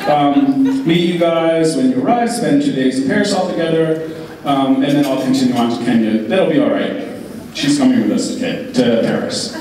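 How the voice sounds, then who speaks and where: A man giving an informal wedding speech as the groom, talking in a halting, candid way with wry asides. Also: mid-range voice, crowd noise. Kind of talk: informal wedding speech, partly read aloud. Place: large reverberant event room with audience. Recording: echoey hall, distant mic, background noise.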